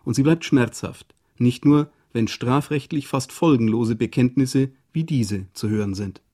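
A man giving scripted documentary narration in a measured, even delivery. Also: mid-range voice. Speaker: radio narrator.

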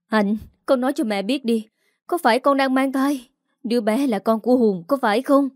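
A woman voicing an anxious, sharp-tongued middle-aged mother in an audio story, who scolds and grows shrill when upset. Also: moderate pace, dry recording, studio quality, close to an everyday voice. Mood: frantic.

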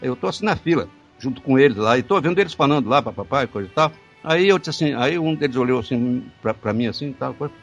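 Animated, laughing male voice actor. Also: mid-range voice, quick pace, highs cut off, soft background music. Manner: animated, laughing, stammering repeats. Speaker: voice actor guest. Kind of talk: casual storytelling chat.

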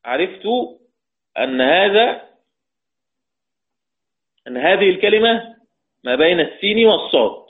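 A man's voice: high-pitched, expressive, measured pace, long pauses. Man teaching Quran recitation over tinny audio. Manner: explains step by step, repeating points and asking his students questions. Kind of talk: religious lesson explaining recitation rules.

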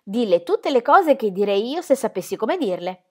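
Woman reading a nervous young bride in a storybook reading, high and coaxing, pleading tone. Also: big pitch swings, moderate pace. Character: shy young English bride, eager and pleading.

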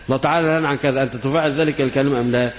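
Fast-talking Egyptian man lecturing. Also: mid-range voice, steady tone, a little hiss or hum. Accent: Egyptian Arabic. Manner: repetitive, asks rhetorical questions. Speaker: Islamic lecturer. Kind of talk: religious lecture. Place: lecture hall. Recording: echoey hall, dull lo-fi sound.

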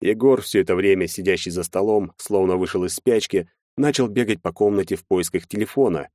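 A man reading a first-person audiobook in steady, measured storytelling on a close mic. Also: deep voice, no room sound. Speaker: audiobook narrator.

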